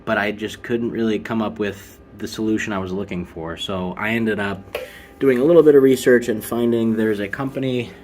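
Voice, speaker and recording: Male motovlogger, lowish pitch, casual explanatory product walkthrough, slight background noise. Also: steady tone, normal speed, a little mellow. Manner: informal, conversational explaining. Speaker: motovlogger presenting gear.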